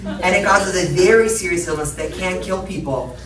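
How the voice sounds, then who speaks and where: A woman's voice: lowish voice, moderate pace. A middle-aged woman health educator explaining things to children in simple words, prompting them with questions as she goes. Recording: echoey room, distant mic, noisy background.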